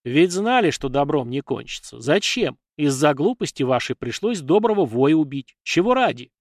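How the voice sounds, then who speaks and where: A man's voice: on the high side, big pitch swings, normal speed, no room sound, clean studio sound. A man doing a grim, curt young fighter. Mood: angry. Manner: curt, threatening. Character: young man, grim, tired, quick to threaten.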